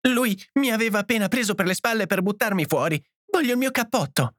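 A man voicing a distraught young mother, pitching his voice high and letting it break as she sobs. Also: very animated, normal speed, no echo, clean studio sound. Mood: pleading.

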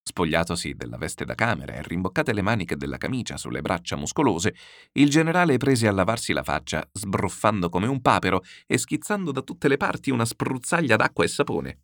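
Lively, low-voiced male audiobook narrator. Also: brisk, no room sound, clean studio sound. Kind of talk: expressive literary narration.

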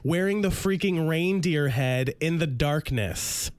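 A man's voice: on the high side, measured pace, clear, resonant tone, dry recording. A man co-hosting a radio show in casual banter, self-mocking and laughing at his own flubs. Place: studio.

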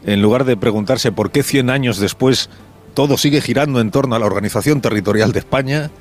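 A man's voice: medium pitch, brisk, soft background music. A male radio host gives a reflective, ironic opinion monologue, with fillers and restarts, on location at a parliament building.

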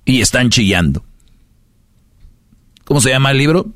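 A man's voice: medium pitch, lively intonation, normal speed, fairly bright tone, no room sound, clean studio sound. A man with a Mexican Spanish accent hosting a casual podcast, lecturing his listeners with rhetorical questions. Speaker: podcast host.

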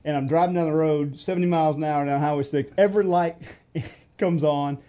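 Mellow-voiced man telling a story. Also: a little high, steady tone, brisk. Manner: chatty storyteller, laughs mid-sentence. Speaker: sportswriter co-host. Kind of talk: casual radio chat. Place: radio studio.

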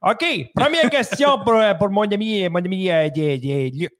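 A goofy, stammering male quiz host, put on by a man. The voice sits a little high and trips over nearly every word. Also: moderate pace, natural voice. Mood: playful. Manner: stammers and repeats words constantly. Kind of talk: comic radio bit.

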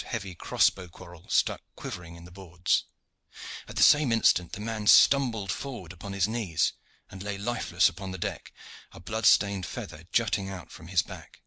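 A man reads a classic adventure novel aloud in steady, clear narration. His voice sits low, with a very bright, sharp edge, and the sound is dry and close with no room echo. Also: moderate pace. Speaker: audiobook narrator. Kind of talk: scripted narration.

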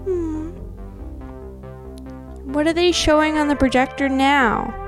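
Music plays in the background as a woman with a high-pitched voice talks slowly. She co-hosts a podcast, casually chatting and dramatically reading old notes aloud, and she leans on "like" and "you know" a lot.

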